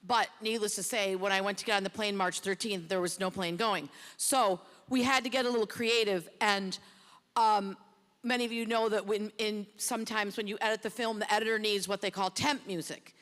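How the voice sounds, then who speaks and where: A woman's voice: mid-range voice, steady tone, normal speed, a bit bright. A middle-aged woman presenting an award off the cuff, rambling and chatty and poking fun at herself. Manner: rambling, chatty, self-deprecating. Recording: long reverb in a hall.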